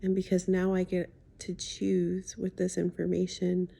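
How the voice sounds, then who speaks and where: A woman talking reflectively in a confiding personal vlog as a healing coach, with slightly lisped speech from wearing a retainer, pausing thoughtfully and often softening to a near-whisper. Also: lowish voice, monotone, creaky, breathy edge. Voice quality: slight lisp from speaking with a retainer in. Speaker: spiritual healing coach sharing a personal story.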